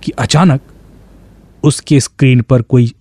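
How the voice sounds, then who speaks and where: A man's voice: mid-range voice, fairly even intonation, slow, warm tone, a little hiss or hum. A man narrating a scripted suspense story in a dramatic way.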